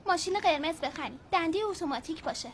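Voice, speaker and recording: A woman voicing an eager young boy in a dubbed film, pleading and insistent, sometimes tearful. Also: very high voice. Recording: noisy background.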